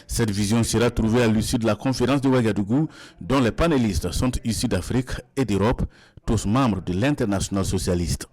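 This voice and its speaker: A man narrating a scripted TV news report in a steady, formal tone. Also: lowish voice, fairly quick.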